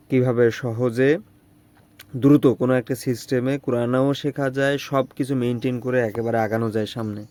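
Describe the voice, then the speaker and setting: A man teaching Arabic letters in an online lesson, patiently repeating syllables slowly for drilling. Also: mid-range voice, darkish tone. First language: Bengali.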